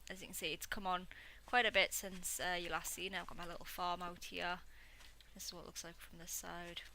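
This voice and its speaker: A young woman talks her way through a game in a relaxed, self-mocking chat, at times dropping to a quiet mutter. Her voice sits a little low. A steady hiss of noise runs under the recording. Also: a little fast. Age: young adult. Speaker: gameplay video host. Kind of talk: casual gameplay commentary. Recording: noisy home recording.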